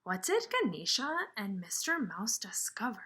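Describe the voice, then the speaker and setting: With a mid-range voice at a moderate pace, this woman teaches kindergarten, reading aloud to little kids and explaining in an emphatic, expressive style while quizzing them along the way.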